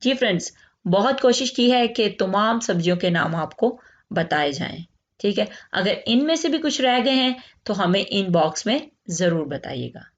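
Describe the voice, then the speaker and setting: A woman teaching a slow vocabulary lesson, repeating each word and asking quick check questions. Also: mid-range voice, animated, muffled recording.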